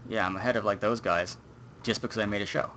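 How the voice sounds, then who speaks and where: A man's voice: lowish voice, fairly even intonation, quick pace, pushed and bright. A young man hosting a gaming livestream in casual chat, rambling with many fillers. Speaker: stream host.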